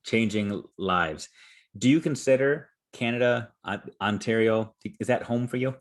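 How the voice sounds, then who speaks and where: A man's voice: fairly low pitch, a little slow. A man hosting a podcast interview, enthusiastic and joking, often repeating words as he goes. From United States. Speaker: podcast host. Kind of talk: casual interview chat.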